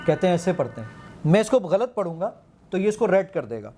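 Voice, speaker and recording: A man's voice: sits high, very animated, over music. A man, an app founder, eagerly demonstrating his app in an interview, quoting the commands he gives it and counting aloud.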